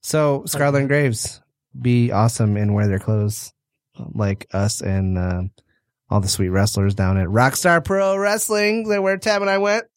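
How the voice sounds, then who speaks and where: A man from Detroit co-hosts a podcast in a casual, joking way, laughing often as he reads sponsor plugs. His voice sits at a middle pitch. The recording is dry and close. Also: fairly even intonation, unhurried, dry recording. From Detroit area. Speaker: podcast co-host.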